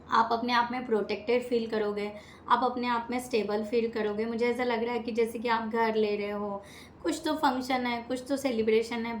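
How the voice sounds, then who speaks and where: A woman with an Indian accent giving a casual tarot reading, chatty and repetitive with many fillers. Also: a little high. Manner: chatty, repetitive, lots of fillers and English words. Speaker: tarot reader. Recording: echoey room with faint noise.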